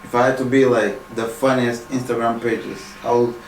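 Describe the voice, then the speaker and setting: A man's voice: mid-range voice, little pitch movement, normal speed, recorded from a distance, a little hiss or hum. A man co-hosting a podcast, rambling in loose street slang and acting out quoted lines. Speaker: podcast co-host. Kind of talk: casual chat. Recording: echoey room, set back from the mic.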